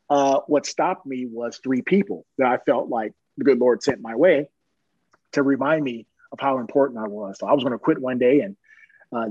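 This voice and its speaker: A middle-aged police officer telling personal stories in an interview, earnest and plain-spoken, often chuckling. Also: male voice, mid-range voice, darkish tone, slightly rough, no echo, dull audio.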